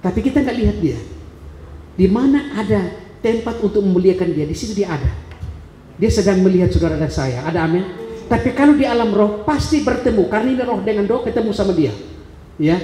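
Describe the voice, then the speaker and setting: A man with a high, ringing voice delivers a sermon testimony. His storytelling is dramatic, and he acts out the voices and gasps of each scene. His voice carries a long hall reverb and sounds roomy. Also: animated, brisk, a little mellow, slight background noise. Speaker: preacher giving a testimony.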